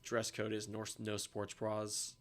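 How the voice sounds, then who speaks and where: A young man talking casually as a podcast guest, opinionated, often trailing off quietly at the end of a point. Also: fairly low pitch, monotone, slow pace.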